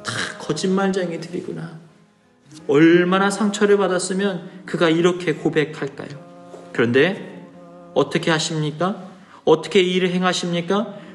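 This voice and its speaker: High-voiced man preaching in an echoey church. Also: normal speed. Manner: asks the congregation rhetorical questions and voices the psalmist's pleas with feeling. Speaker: pastor. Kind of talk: sermon. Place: church hall. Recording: echoey church with soft music behind.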